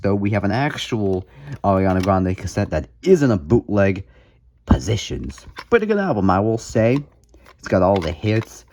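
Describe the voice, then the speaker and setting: In a casual show-and-tell vlog, a man with a fairly low, darkish voice walks through his music collection, joking around and adding mock emphasis. A slight hiss or hum sits under the audio.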